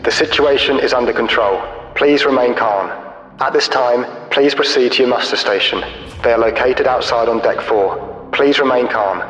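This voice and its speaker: A man making a loud, measured public announcement over a PA system on board a ship. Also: medium pitch. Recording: echoey loudspeaker from far off.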